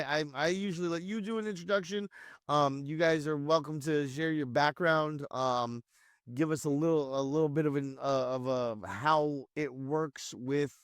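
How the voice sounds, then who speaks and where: A man's voice: a little high, clean tone, dry recording, clean studio sound. A man hosting a casual online interview, rambling and restarting his sentences. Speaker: community host.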